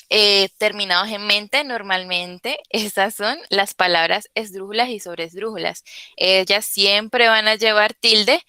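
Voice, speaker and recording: A young woman giving a class presentation over a video call, often pausing on "eh" fillers. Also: mid-range voice, sharp tone, clear, resonant tone, dry recording. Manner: hesitant, many "eh" fillers. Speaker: student presenter.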